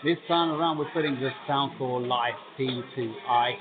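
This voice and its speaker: A man's voice: mid-range voice, moderate pace, over music. Man through a tinny bluetooth earbud mic. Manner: chatty, thinking aloud, with small laughs. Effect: heard through a bluetooth earbud mic on a call. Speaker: tech reviewer. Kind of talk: casual product review talk. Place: busy coffee shop, indoors.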